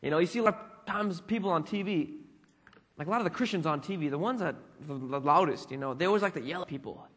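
Casual young pastor in an echoing hall. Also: male voice, on the high side, fast, fairly bright tone. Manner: chatty, frequent "you know" and "like" fillers. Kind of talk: casual conversational sermon. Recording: long reverb of a hall.

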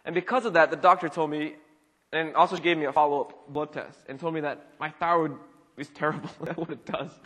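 A young man gives a relaxed, talky sermon, peppered with fillers like "you know" and "like." His voice sits a little high for a man. It rings out with the long reverb of a church hall. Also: fairly quick, husky. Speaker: pastor. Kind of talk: casual conversational sermon.

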